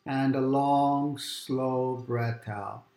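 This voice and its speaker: A man leads a calm grounding exercise as a meditation guide. He speaks slowly, in a medium-pitched voice, leaving long pauses between gentle instructions. The recording has a roomy echo, with music playing behind him. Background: quiet background music.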